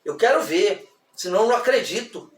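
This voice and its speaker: A man's voice: high voice, animated, fairly quick, voice pushed down. A male preacher voicing a stern middle-aged pastor who coldly confronts a young couple, recorded far off in an echoey room.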